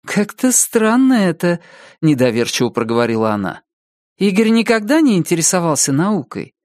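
A man's voice: on the high side, sing-song, fairly quick, dry recording, clean studio sound, voice pushed up. A man voicing a wary, guarded woman. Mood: guarded, doubtful. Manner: doubtful, defensive, raised voice. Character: wary middle-aged woman, widow of sorts, guarded. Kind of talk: audiobook character voice.

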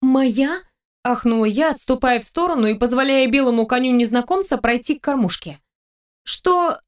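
A woman with a slightly high voice narrates a fantasy novel in the first person, reading it as an audiobook. Her storytelling is expressive and steady, drawing the listener through the scene. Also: fast talker. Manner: expressive storytelling, with the heroine's lines read in her own voice.

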